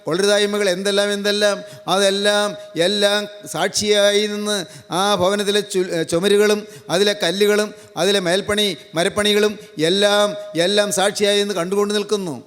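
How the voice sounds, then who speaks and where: Man, preacher from Kerala, sermon, high monotone voice, repetitive rhetorical delivery, long hall reverb. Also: normal speed, faint music behind. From Kerala, India. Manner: repetitive, rhetorical questions and listed phrases.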